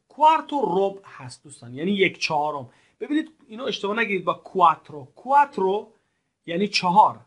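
Male language teacher, higher pitch, courteous and formal, slow deliberate model words for repetition. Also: bright, forceful tone. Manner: polite, formal address to learners. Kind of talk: recorded language lesson.

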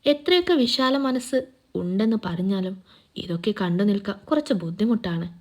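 A woman's voice: mid-range voice, expressive, fairly quick, lightly acted. A woman voicing an affectionate uncle of about fifty who talks in a fatherly, chatty way in a read-aloud story. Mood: serious. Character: affectionate uncle around fifty, hearty and protective.

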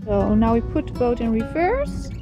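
A woman's voice: a little high, very animated, moderate pace, dull audio, over loud music. A young woman, chatting casually as she films herself on a sailboat deck with an action camera. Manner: cheerful, chatty, laughs easily. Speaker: sailing vlogger. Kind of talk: casual vlog narration. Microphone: action camera held at arm's length.

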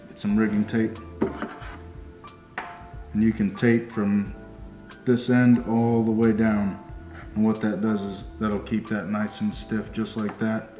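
A young man who works as a fishing deckhand speaks at a fairly low pitch as he works through a hands-on demo at a tackle shop workbench indoors. Calm and in no hurry, he keeps repeating "just like so," while music plays beneath a roomy-sounding recording.

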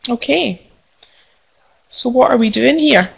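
A woman's voice: a little high, animated, slow pace, vocal fry, breathy edge, rough recording. A young adult woman with a Scottish accent, a midwife giving a conference presentation over a web call, friendly and formal with frequent ums. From Scotland. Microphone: computer mic over web conferencing.

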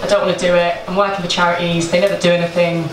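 A woman's voice: on the low side, little pitch movement, racing, crowd noise. A young woman on stage telling the story of starting a bakery, chatty, swearing freely and laughing through her words, into a handheld microphone. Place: small indoor event space with a seated audience. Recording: roomy live-event sound, picked up from a distance, with room noise.

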